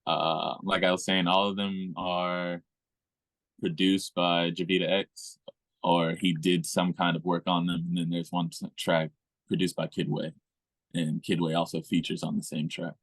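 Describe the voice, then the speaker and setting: A man's voice: low-pitched, level tone, measured pace, no room sound. A young man in his twenties, a musical guest talking in a laid-back way in a casual interview and laughing often.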